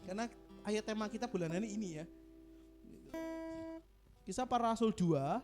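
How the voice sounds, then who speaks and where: A man's voice: sits high, normal speed, in a large hall, over music. A male pastor, giving a casual, joking devotional talk to a small group over a video call. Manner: joking, chatty, self-mocking.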